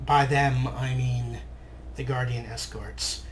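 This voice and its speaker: This let's play host speaks slowly in a mid-range voice with fairly even intonation, casually and wryly musing as he plays. Clear video game sound effects fill the background.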